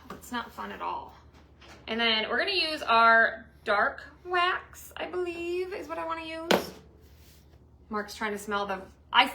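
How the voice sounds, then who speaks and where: Working on a craft project during a relaxed livestream from her home workroom, the host jokes with her husband and laughs along. She sounds a little high, bright and forceful, and the rough recording carries some hiss or hum.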